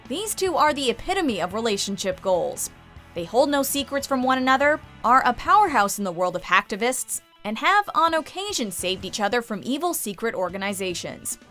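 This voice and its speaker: Animated female countdown narrator, higher-pitched voice. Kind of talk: scripted narration.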